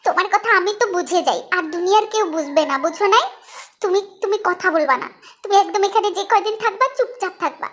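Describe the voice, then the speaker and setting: A woman's voice: extremely high pitch, quick pace, a bit bright. A woman voicing a bossy but soothing village mother-in-law who scolds, then coaxes. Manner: scolding, then coaxing in dialect.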